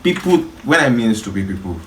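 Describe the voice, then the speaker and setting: A man's voice: mid-range voice, sing-song, a little fast, fairly bright tone. A young man chatting with his sister in a teasing way, laughing often. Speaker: co-host. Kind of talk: casual chat. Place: outdoors. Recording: roomy echo, faint noise.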